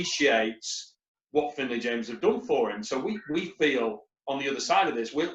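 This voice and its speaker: A man who leads a recruitment company speaks on a webinar panel, rambling and anecdotal with many fillers. His mid-range voice comes through a video call with a roomy, lo-fi sound.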